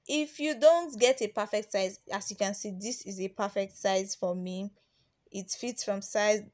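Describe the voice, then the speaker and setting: A young woman from Nigeria narrating a beginner nail tutorial as a voice-over, chatty, with plenty of ums and restarts. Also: medium pitch. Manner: chatty, repeats herself, many ums and restarts. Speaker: nail tech teaching beginners. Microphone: voice-over recording.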